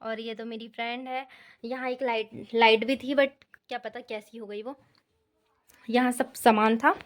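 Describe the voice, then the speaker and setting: Young woman, fairly high voice, casual vlog, chatty, indoor home tour, phone mic. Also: fairly even intonation, measured pace. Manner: chatty, addresses viewers as "bhai" and "yaar". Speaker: vlogger.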